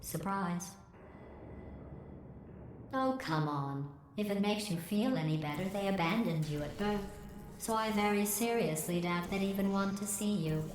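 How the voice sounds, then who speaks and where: A woman voicing a cold, sarcastic female AI overseer, with a deadpan, passive-aggressive manner and a synthetic processed sound. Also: medium pitch, unhurried. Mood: mocking. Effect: synthetic computer voice processing. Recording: roomy game audio with heavy background noise.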